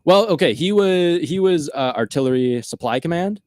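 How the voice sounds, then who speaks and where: A man hosting a podcast, telling a story in casual chat, animated and full of "uh" and "like". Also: fairly high pitch, moderate pace, no room sound, clean studio sound. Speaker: podcast host.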